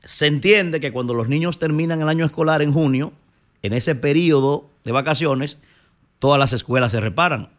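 A man's voice: on the high side, moderate pace. A man with a Dominican Spanish accent, delivering indignant, scolding opinion commentary on a morning radio show.

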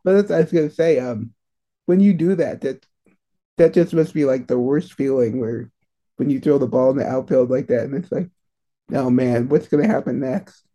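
Very dark-voiced male interviewer. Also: medium pitch, moderate pace. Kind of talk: casual interview questions.

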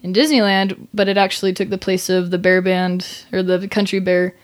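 Woman, podcast co-host, average female pitch, casual informal chat, giggly. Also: flat delivery, moderate pace.

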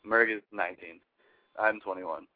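A man's voice: fairly low pitch, steady tone, normal speed, no echo. A man in his twenties, a guest on a casual talk show, agreeing and laughing along. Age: 20s. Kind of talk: casual chat. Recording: tinny phone-like radio sound.

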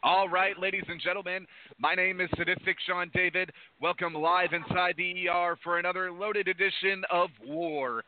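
A man's voice: sits high, steady tone, moderate pace. A man hosting a live internet wrestling radio show as its presenter. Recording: dull, muffled lo-fi audio.

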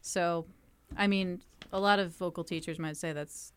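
Her voice is fairly low, clear and resonant, with fairly even intonation and a normal pace. The young singer chats her way through interview answers, sprinkling in little laughs and lots of "um" and "like."

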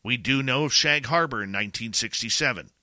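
Male Canadian commentator, very bright forceful tone, emphatic and rhetorical, captured close and dry. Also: mid-range voice, no room sound. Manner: emphatic, rhetorical questions, deliberate pauses. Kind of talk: opinion commentary to audience.

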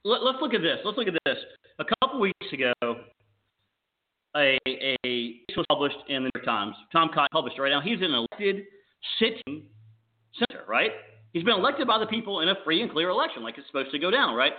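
A man's voice: a little high, sing-song, fairly quick. A male talk show host calling in over a crackly phone line that fades in and out. He talks emphatically, with stumbling restarts and rhetorical questions. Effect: crackly phone line fading in and out. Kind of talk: political talk show chat. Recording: tinny phone-like line, cutting out.

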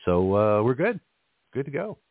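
A man hosting a casual radio talk show, chatty and rambling, his voice a little hoarse and scratchy from shouting. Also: mid-range voice, very animated, moderate pace, no echo, narrow, tinny audio. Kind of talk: casual live radio chat.

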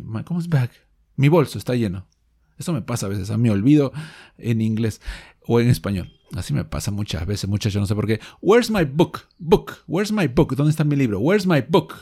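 A man teaching English pronunciation to Spanish speakers, stretching out the example words slowly. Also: mid-range voice, a little mellow. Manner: slow, drawn-out demonstrations. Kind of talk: pronunciation lesson.

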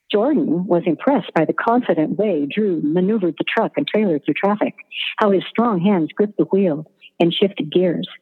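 A woman narrating a scripted story in an even, descriptive way, over a tinny line with long reverb. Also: on the low side, husky.

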